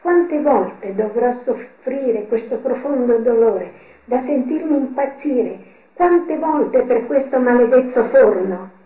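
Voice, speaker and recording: A woman reading the outburst of a distraught young woman, whom she voices as shrill and frantic. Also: expressive, slow pace, dark tone. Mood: furious. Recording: roomy echo.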